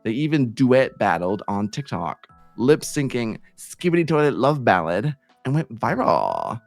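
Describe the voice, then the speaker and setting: A man's voice: mid-range voice, unhurried, gravelly, dry recording, soft background music. Playful man reading comedic fan fiction. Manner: animated, playful storytelling with sudden shouts. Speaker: streamer.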